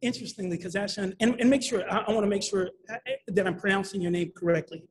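A man moderating a panel, animated and emphatic, often repeating himself and asking "right?". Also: high-pitched, quick pace. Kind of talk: panel discussion.

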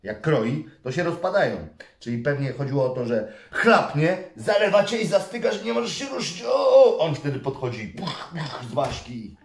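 A man's voice: on the high side, sing-song, normal speed, gravelly, few pauses. A man, a father hosting a toy unboxing video with his son, who talks to viewers and builds suspense with playful energy. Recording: echoey room.

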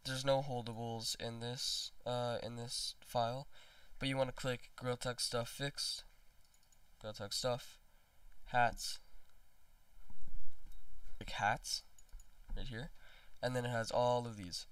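Young dude kinda stuffy from being sick, lots of uhs, dry room, sits back from the mic. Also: male voice, medium pitch, level tone, slow pace, long pauses, fairly bright tone, clear, resonant tone, dry recording, recorded from a distance. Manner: rambling, many ums and restarts. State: congested after being sick. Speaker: tutorial maker. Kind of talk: casual screen-recorded tutorial.

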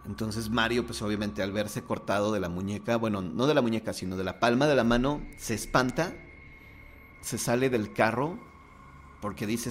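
A man's voice: lowish voice, slight background noise. Man telling horror stories. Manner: casual, conversational, many fillers. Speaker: storyteller host. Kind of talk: horror story narration.

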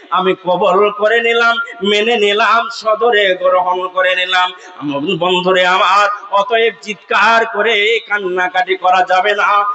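A man preaching a fiery sermon in a high, bright voice. He takes his time over each phrase, drawing words out. He swells into sung chanting and shouts at the peaks. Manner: impassioned, slips into sung chanting and shouted climaxes; asks the audience call-and-response questions. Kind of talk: Bengali waz sermon with chanted Arabic verses.

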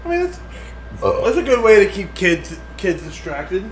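Tipsy and unhurried, a high-voiced man jokes and swears his way through casual livestream banter, sounding very animated. He is a drunk co-host, indoors in a home kitchen. The audio comes from a distant room mic, roomy and faintly noisy.

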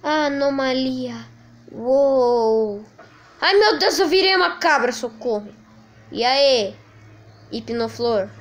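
A woman with a Brazilian Portuguese accent giving let's play commentary, excitedly yelling at the enemies on screen. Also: sits high, slow pace, pauses often. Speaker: gaming channel host.

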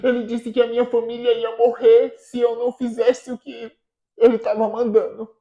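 Woman doing a scared sorry nurse, pleading and apologizing, higher than her narrating voice. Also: level tone, normal speed, mellow, dull audio, lightly acted. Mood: fearful. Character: remorseful frightened woman nurse, middle-aged.

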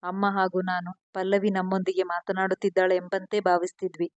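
A woman reads a serialized love story as scripted narration. Her voice sits low and stays level, with little rise and fall, recorded in a dry, close space. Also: monotone, normal speed, no room sound, highs cut off.

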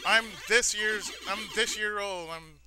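Hosting a gaming video, a man offers casual let's-play commentary, rambling sentimentally and repeating his own phrases. His voice is high and measured, with a crowd audible behind him. The noisy recording carries arcade-style game sounds under his speech.

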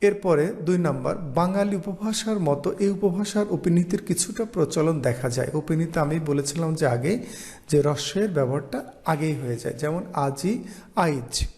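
A man teaching an online lesson, explaining slowly and reading out example phrases. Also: fairly high pitch, animated, a little mellow. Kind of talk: online lecture.

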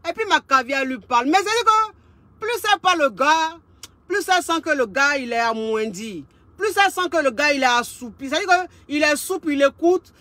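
A woman relationship coach tells a story in a casual monologue. Her voice sits high, and she loves to repeat lines and drop in street slang. The recording is dry, with no room sound. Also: brisk, dry recording. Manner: lively, repeats phrases for emphasis, street slang.

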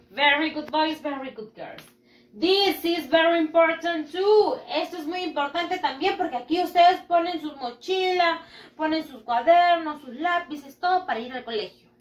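Woman teacher, drawn-out english drills, switching to spanish, roomy echo, mic kinda far. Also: high-pitched. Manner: slow, drawn-out drilling with repeat-after-me prompts; switches between English and Spanish, praising often. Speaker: primary school English teacher. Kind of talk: bilingual classroom teaching video. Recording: echoey room, mic at a distance.

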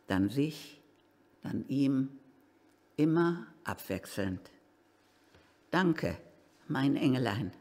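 A man giving a live first-person literary reading, slow and expressive with excited outbursts, in an old gatehouse. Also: fairly high pitch. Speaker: reader. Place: old gatehouse at a historic cemetery. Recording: reverberant hall.

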